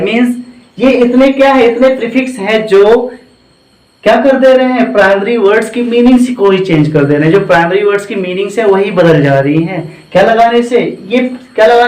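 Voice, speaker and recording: A man's voice: sits high, darkish tone, echoey room, low-quality recording. A man with an Indian English accent teaching a grammar lesson, often repeating and quizzing the class with questions. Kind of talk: classroom lecture.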